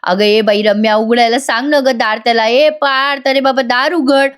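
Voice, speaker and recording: Lady doing a tearful begging mom voice, pitched up a bit, coaxing and soft. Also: steady tone, normal speed, clear, resonant tone, natural voice. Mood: pleading. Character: pleading middle-aged mother begging her son.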